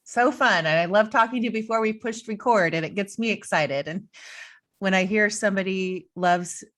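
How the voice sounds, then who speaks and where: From her living room, a woman in her forties runs a podcast over a video call, reading a scripted promo before drifting into relaxed interview talk. Her mid-range, slightly bright voice moves at a moderate pace, gushing and upbeat with frequent "you know"s. She uses earbuds and a studio mic on a boom arm.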